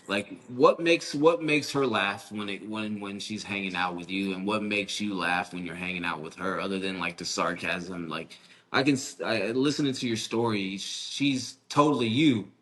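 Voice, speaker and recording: A man's voice: fairly low pitch, fairly bright tone. A man hosting a podcast interview in a casual, slangy way, often repeating words and restarting his sentences. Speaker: podcast host.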